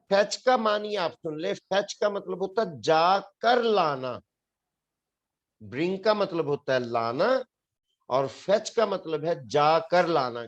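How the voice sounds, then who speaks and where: A man's voice: high-pitched, lo-fi sound. A man teaching an English spelling lesson in a classroom, explaining patiently and repeating each word. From Pakistan. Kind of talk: classroom lecture.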